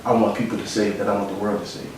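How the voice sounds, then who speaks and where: Echoey Philadelphia man, low voice. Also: flat delivery, very fast, background noise. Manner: reflective, repeats phrases, slangy. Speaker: interviewee, photographer. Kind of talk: casual interview. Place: studio room. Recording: echoey room, mic at a distance.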